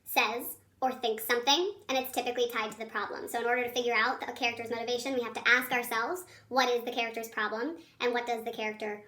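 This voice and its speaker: A woman with a squeaky, helium-like chipmunk voice teaching children in a chatty, encouraging, informal video lesson. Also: steady tone, fast talker, few pauses, bright, forceful tone. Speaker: elementary school teacher.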